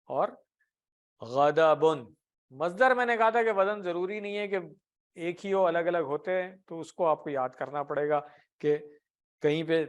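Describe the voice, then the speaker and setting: A man teaching Arabic grammar in an Urdu classroom lecture, patiently explaining with everyday examples and asking the class questions. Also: on the high side. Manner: often ends points with a tag question.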